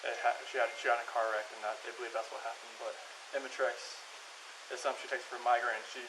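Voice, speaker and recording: A man answering police questions casually and haltingly, repeating words, recorded on body cam audio. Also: mid-range voice, level tone. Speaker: oil and gas operator. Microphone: police body camera. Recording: hissy body cam, echoey, radio noise.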